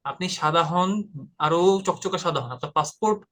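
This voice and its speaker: Speaking briskly in a sharp, fairly high voice, this IELTS tutor from Bangladesh gives a relaxed, explanatory exam-prep lesson. He talks straight to the viewer, addressing him as "brother."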